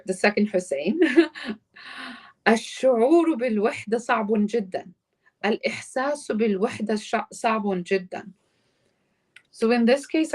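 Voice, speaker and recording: Slow-speaking woman teaching Arabic. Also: medium pitch. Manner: patient, explains slowly, mixes English and Arabic. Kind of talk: live online Arabic lesson. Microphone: computer mic on a live stream.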